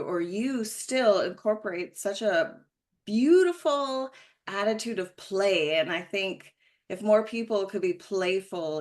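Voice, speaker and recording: A woman hosting an interview, introducing her guest and asking questions in an effusive, enthusiastic way. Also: fairly low pitch. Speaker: podcast host.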